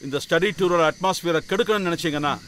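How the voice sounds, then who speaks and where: A man's voice: fairly high pitch, racing, fairly bright tone, a little hiss or hum, natural voice. An actor dubbing a stern college lecturer who scolds his students in a film. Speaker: college lecturer leading a study tour. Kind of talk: dubbed film acting.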